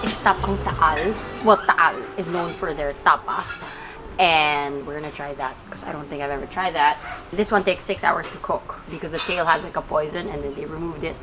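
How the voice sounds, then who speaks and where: A woman's voice: low voice, steady tone, moderate pace, music in the background. A young woman from the Philippines chatting casually as a travel vlogger, playful and easily delighted. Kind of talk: casual travel vlog narration.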